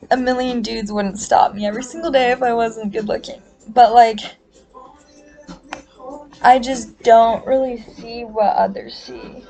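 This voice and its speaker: A woman in her twenties speaks in a loose, confessional monologue. Her voice sits a little high, and she rambles, leaning on "like" and casual swearing. Faint music plays behind her. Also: a little mellow.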